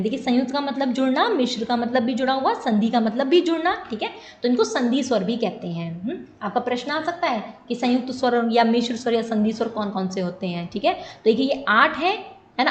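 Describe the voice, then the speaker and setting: A woman with a high voice teaches an exam-prep lesson. She explains step by step, asks questions and answers them herself. The room is echoey, with a faint hum behind her. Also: darkish tone. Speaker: Sanskrit teacher.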